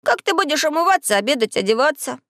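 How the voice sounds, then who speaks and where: A woman's voice: high-pitched, sing-song, fast talker, a bit bright, no room sound, clean studio sound, voice pushed up, full character voice. Woman doing a timid curious boy. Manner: wondering, unsure.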